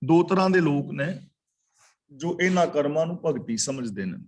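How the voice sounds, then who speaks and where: A man teaching a scripture class, slowly chanting verses and then explaining them word by word and correcting their pronunciation. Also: a little high, expressive. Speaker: katha teacher. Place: online class over video call.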